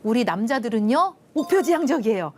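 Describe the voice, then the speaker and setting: A middle-aged woman gives a television lecture, and her pitch rises and falls a lot as she tells her story. She acts out the quoted lines and then softens to a near hush at the tender parts. A faint studio noise sits behind her voice. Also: big pitch swings, brisk. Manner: drops to soft hushed tones at tender moments. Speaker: lecturer, love institute director.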